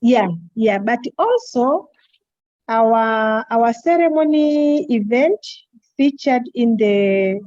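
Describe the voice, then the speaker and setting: A woman giving a halting update in an online meeting, her audio choppy and breaking up over a weak video-call stream. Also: fairly high pitch, lively intonation, dark tone, no room sound, lo-fi sound. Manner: slow and halting with frequent restarts. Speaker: award-winning group representative.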